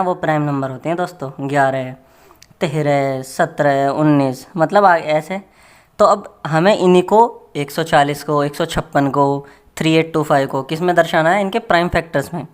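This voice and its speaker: Guy tutor running a maths class, jokey and chatty, talks to students like buddies. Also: fairly high pitch. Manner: chatty and joking, addressing students as friends. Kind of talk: casual classroom lesson.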